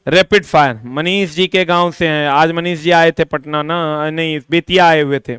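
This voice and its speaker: A man teaching an online exam-prep lesson, chatty and repetitive, with quick asides to his students. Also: on the high side, steady tone, fairly bright tone, clean tone, no echo.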